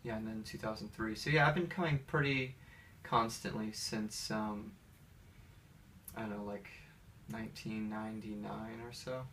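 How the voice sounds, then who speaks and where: A man in his thirties from Atlanta, United States, a pianist with an American accent, speaks at normal speed in a lowish, fairly bright voice with fairly even intonation. Answering interview questions, he rambles casually and hesitantly about personal matters. His mic is distant, and faint background noise is audible.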